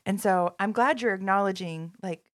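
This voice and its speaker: A woman's voice: mid-range voice, normal speed, dry recording, studio quality. A woman co-hosting a casual talk, responsive and affirming. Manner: warmly responsive, many affirming interjections. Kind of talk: casual chat.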